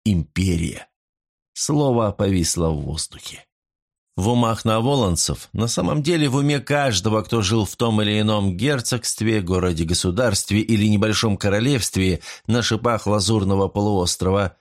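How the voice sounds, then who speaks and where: A man narrating a first-person literary novel as an audiobook, reading in an even, steady manner. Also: on the low side, moderate pace.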